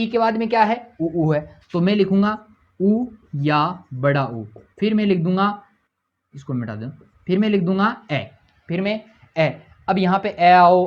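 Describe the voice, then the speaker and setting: A male teacher giving a grammar lesson for exam students, asking questions and answering them himself, repeating key points and spelling out sounds slowly. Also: high voice. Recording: dull lo-fi recording.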